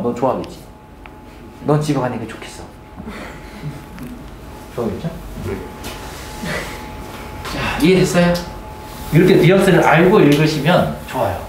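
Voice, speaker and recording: A male teacher giving a grammar lecture to a class, often checking in with quick questions. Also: on the high side, a little mellow, slight background noise. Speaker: English teacher. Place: classroom with students. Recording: roomy classroom, mic at a distance.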